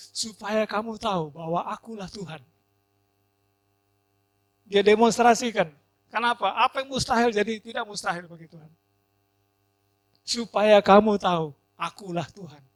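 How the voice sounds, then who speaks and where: A man preaching a sermon, swinging from loud emphasis to hushed asides. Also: high-pitched, a little fast, pauses often. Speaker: pastor.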